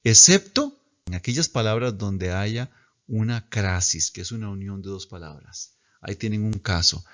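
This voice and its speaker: A man teaching a class in a slow, patient way, repeating words for students to copy. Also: on the low side, expressive. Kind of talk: recorded lecture.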